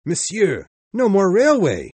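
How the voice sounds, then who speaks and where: A man's voice: high-pitched, a little slow, slightly rough, dry recording, voice pushed up, full character voice. Man doing an alarmed French manservant. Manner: excited crying out.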